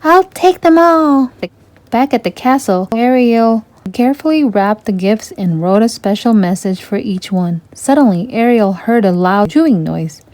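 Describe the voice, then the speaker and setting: A woman narrates a children's story in a warm, mellow, middle-pitched voice at normal speed with few pauses. The recording is dry, with very little room sound.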